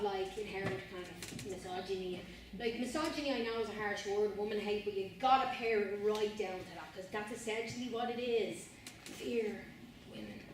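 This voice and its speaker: A young adult woman giving a casual talk as guest speaker, speaking conversationally with many fillers. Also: mid-range voice. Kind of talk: casual talk to a student group. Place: university room. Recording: echoey room, distant mic, background noise.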